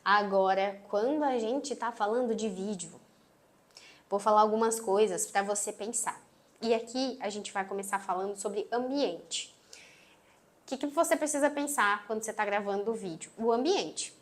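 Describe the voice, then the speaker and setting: A woman with a Brazilian accent and a sweet, gentle voice, teaching an online course lesson and closing her phrases firmly. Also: mid-range voice, normal speed. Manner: emphatic, closes phrases firmly. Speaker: marketing instructor. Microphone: phone on tripod.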